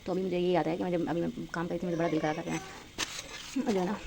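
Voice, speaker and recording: A woman's voice: fairly low pitch, little pitch movement, rapid-fire, gravelly, warm tone, slight background noise. A young woman with a Pakistani Urdu accent chatting casually in a rambling, filler-heavy way while cooking breakfast at home, recorded on a handheld phone. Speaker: vlogger. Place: home kitchen, indoors.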